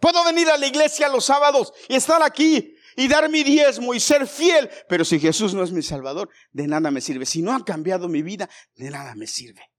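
A man preaching a sermon in a church, swinging between loud exhortation and hushed storytelling. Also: very high-pitched, a little fast, hardly any pauses.

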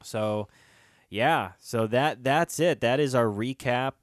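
A man's voice: medium pitch, takes it slowly, dry recording, studio quality. A man hosting a casual podcast, recapping a TV season in a rambling way with many fillers and restarts. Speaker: podcast host.

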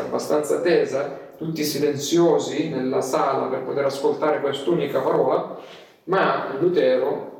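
A man's voice: medium pitch, vocal fry, a little mellow. A man preaching a sermon as a pastor, telling a story with many hesitations. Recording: echoey room from far off.

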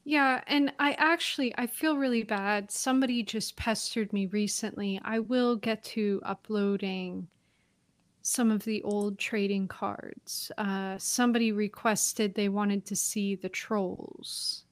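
A woman's voice: medium pitch, steady tone, unhurried, no room sound. A woman co-hosting a podcast in a casual, chatty style. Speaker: podcast co-host.

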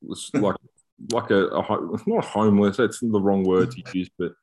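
A man with a slightly low voice co-hosts a casual podcast. He talks like one of the lads, joking and throwing in slang as he goes. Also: fairly even intonation, moderate pace, a little mellow. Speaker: podcast co-host, rugby player turned coach.

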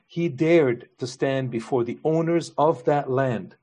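A man's voice: mid-range voice, measured pace, a little mellow. A man preaching a sermon as pastor, earnest, building his points with repeated rhetorical questions.

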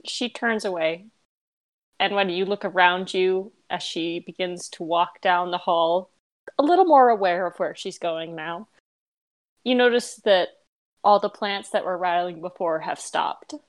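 A woman narrating a tabletop role-playing game as game master, describing scenes gently. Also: lowish voice, a little slow.

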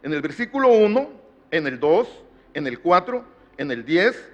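A man's voice: on the high side, big pitch swings, a little slow, a bit bright. A middle-aged man, a pastor, preaching a sermon and telling a family story, building to emphatic repeated phrases. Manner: tells a family anecdote, rising to emphatic repetition. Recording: dull long hall reverb.

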